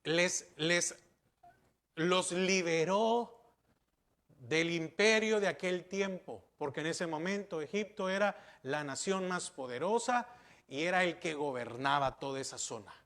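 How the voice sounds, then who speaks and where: A man's voice: fairly high pitch, unhurried, a bit bright. A man pastor preaching a sermon, asking rhetorical questions and repeating key words for emphasis.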